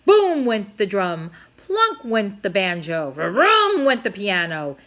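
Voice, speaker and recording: A woman reads a children's novel aloud as a storyteller, dramatizing the action, emphasizing sound words and adding brief asides. Her medium-pitched voice swings hugely in pitch at a slow pace, with a bit of brightness.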